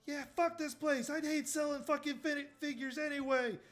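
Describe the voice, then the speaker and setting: A man's voice: extremely high pitch, steady tone, moderate pace, faint music behind, pitched above the performer's own voice. A man voicing a crowd of angry, foul-mouthed townsfolk in a tabletop game. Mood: furious. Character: angry rioting male townsfolk.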